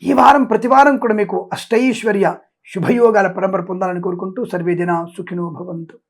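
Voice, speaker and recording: A man's voice: high-pitched, steady tone, a little fast. A man giving weekly horoscope predictions as an astrologer. He rattles off long lists of blessings and breaks into preachy, sarcastic asides. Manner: preachy, moralizing.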